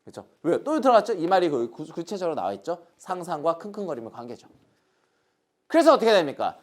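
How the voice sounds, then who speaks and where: A man's voice: fairly high pitch, wildly swooping pitch, quick pace. A Korean man teaching an English grammar lesson online, asking questions and answering them himself while pointing things out on the board. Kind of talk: online lecture.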